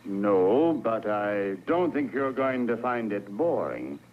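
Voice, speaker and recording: Casting: bossy manservant, low voice that swings up and down, dull old film track. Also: male voice, lively intonation, slow pace, slight background noise. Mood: curt. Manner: curt and commanding. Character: gruff male servant herding new maids, curt and bossy. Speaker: servant of the house. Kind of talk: 1960s film acting.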